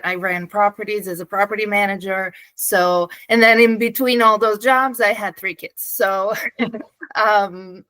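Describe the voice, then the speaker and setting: Speaking with a Serbian accent, this thirty-something woman is an interview guest sharing her story casually, full of energy, frequent laughter and filler pauses. Her voice is mid-range, captured in a low-quality recording without room sound.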